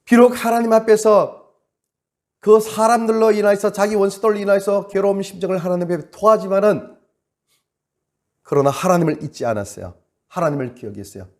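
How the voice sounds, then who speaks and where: A man's voice: high voice, fairly quick. A male pastor preaching a sermon, dramatic, acting out quoted prayers and stretching words for emphasis.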